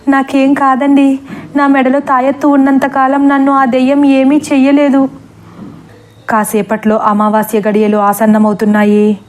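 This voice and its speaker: Woman narrating a horror story, flat tone. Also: a little high. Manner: emotional, dramatic reading with voiced dialogue.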